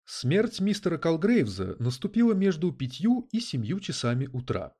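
A man's voice: fairly high pitch, big pitch swings, moderate pace, mellow, slightly rough, voice pushed up, exaggerated voice. A man voicing a prim, coldly logical male detective android who speaks in an oddly mechanical, lecturing way. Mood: composed. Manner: precise, lecturing, unflappable.

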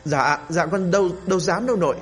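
A man's voice: sits high, fast, slightly rough, soft background music, voice pushed up. A man voicing a flustered middle-aged father, stammering and scolding.

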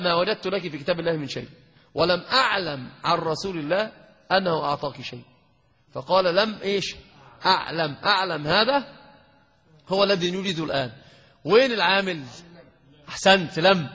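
A man's voice: high-pitched, pushed and bright, husky. A man teaching Arabic grammar to a class, quizzing and teasing his students as he goes. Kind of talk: classroom lesson with questions to students. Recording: lo-fi lecture recording in a long-reverb hall.

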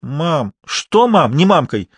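A man voicing a stern heavyset mother who scolds her daughter loudly and breaks into wailing laments. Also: on the high side, animated, normal speed, slightly rough, dry recording, studio quality, pitched above the performer's own voice. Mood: scolding.

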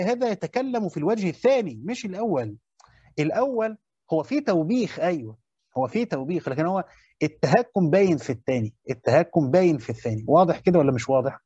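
A man's voice: high voice, very animated, fast, warm tone, slightly rough, no echo, muffled recording. A man with an Egyptian accent teaching a lesson on a Quran commentary. He repeats key phrases and keeps checking that his listeners follow. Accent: Egyptian Arabic. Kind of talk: classroom lesson.

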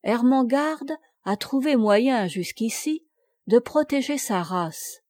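Quiet humble page boy, soft-spoken and polite, a woman voicing him, slow, dry sound. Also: a little high, lively intonation, no room sound, voice pushed up. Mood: ominous warning. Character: clever young serving boy, humble and respectful.

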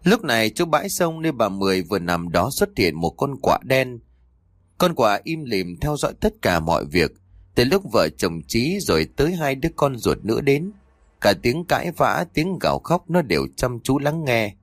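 A man narrating a ghost story for an audiobook in an expressive storytelling manner. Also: medium pitch, normal speed, no echo. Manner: expressive, voices the characters' cries and quarrels.

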